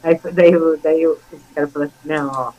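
A woman, a guest in a casual chat, retelling past events in a lively way and acting out quoted dialogue. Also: deep voice, a little fast, dull audio.

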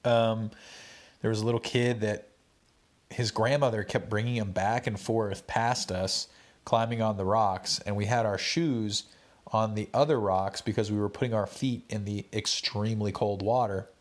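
A man with a fairly low voice talks like he's stuffed up from allergies, nasal and a bit tired. He rambles through his day in a relaxed, slangy way, the casual tone of a vlog recap. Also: normal speed. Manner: laid-back, rambling, slangy. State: stuffed up, congested nose. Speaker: vlogger.

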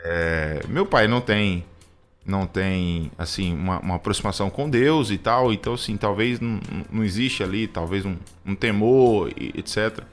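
A radio program co-host in his thirties speaks with a fairly low voice at normal speed, soft music playing behind him. He comes across as earnest and hesitant, restarting often and using many fillers.

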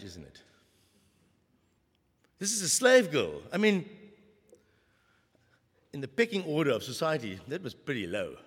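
A man preaching a sermon, animated, with many rhetorical questions to the congregation. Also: mid-range voice, breathy edge, long reverb tail.

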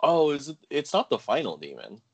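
A man co-hosting a podcast in casual chat, animated and enthusiastic, often laughing. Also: on the high side, a little fast. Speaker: podcast co-host.

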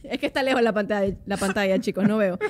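A woman's voice: mid-range voice, darkish tone, slight background noise. Laughing, self-mocking woman. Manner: laughing, self-mocking, stumbles over words. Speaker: podcast co-host. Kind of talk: casual chat.

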